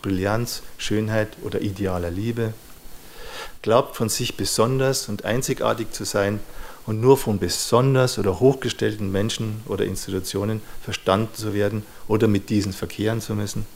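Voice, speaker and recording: A man giving a lecture on psychology to an audience, thoughtful and searching for words, with frequent small verbal fillers. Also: fairly low pitch.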